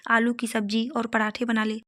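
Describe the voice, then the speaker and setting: A strict, controlling mother-in-law from a storybook tale, put on by a woman narrator. She talks in a scolding, bossy way, in a fairly high voice with little rise and fall. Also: completely flat delivery, moderate pace, a bit bright, close to an everyday voice.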